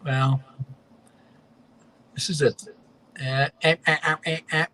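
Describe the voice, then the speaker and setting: A man's voice: on the high side, level tone, slow, bright, forceful tone, distant mic. A man hosting a casual live stream, chatting loosely with fumbling filler sounds, his voice echoed back from a second device. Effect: echo from a second device feeding back. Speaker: stream host cooking. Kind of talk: casual livestream chat. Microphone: computer mic on a live stream.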